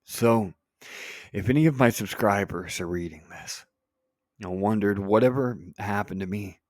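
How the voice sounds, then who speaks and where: Slow, low-voiced man telling a horror story. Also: a little mellow, dry recording, clean studio sound. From United States. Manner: deliberate, with dramatic pauses and profanity. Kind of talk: scripted first-person horror narration.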